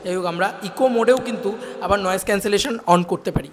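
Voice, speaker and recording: A man's voice: high-pitched, racing. Man's voice drenched in echo effect. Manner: chatty, rambling, self-correcting. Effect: echo effect from a wireless mic's echo mode. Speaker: tech reviewer. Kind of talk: casual product demo. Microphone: wireless clip-on mic.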